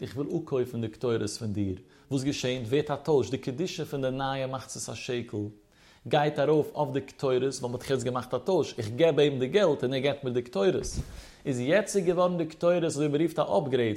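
A man's voice: a little high, darkish tone. Man explaining a Talmud lesson. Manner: explains step by step with rhetorical questions; mixes in Hebrew study terms. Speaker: religious teacher.

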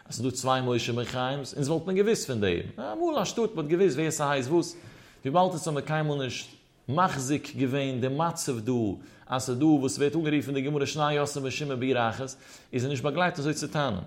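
A man's voice: mid-range voice, animated, brisk. A man teaching a religious text, reading short phrases and then explaining them with a chanting, rising-and-falling lilt. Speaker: Talmud teacher.

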